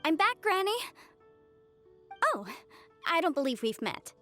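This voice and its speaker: A woman's voice: very high voice, big pitch swings, unhurried, bright, forceful tone, faint music behind, full character voice. An actress voicing a polite, perky young female errand-runner in a video game. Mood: cheerful. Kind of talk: video game character dialogue.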